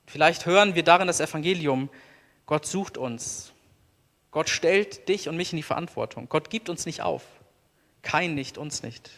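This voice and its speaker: Male pastor, sermon delivery, earnest and deliberate, slightly high voice, reverberant church. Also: animated, a bit bright. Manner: earnest, slows down for emphasis.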